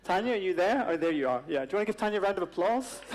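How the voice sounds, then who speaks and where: A man's voice: sits high, very animated, fairly quick, background noise. A man in his fifties moderating a live panel on a conference stage, chatty, with many fillers and joking asides. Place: large stage at a conference hall.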